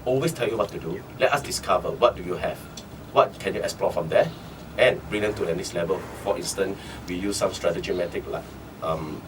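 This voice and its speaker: A man from Singapore who founded a training centre, speaking as a guest in a radio interview and getting animated as he acts out conversations. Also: sits low. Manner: animated, acts out dialogue in quotes. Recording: distant mic with faint background noise.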